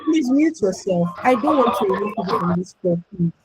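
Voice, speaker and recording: A young adult woman hosting an online emotional healing session, reassuring attendees, calling them by name and pleading with them gently. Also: mid-range voice, animated, brisk, noisy background. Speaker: conference host and emotional healing coach. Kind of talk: live online coaching session. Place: online video call.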